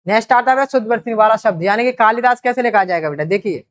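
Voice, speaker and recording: Lady teacher going thru spelling questions, drags out words, keeps saying beta. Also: fairly high pitch. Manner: drawn-out repeated words, addresses students as beta. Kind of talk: exam-prep grammar lesson.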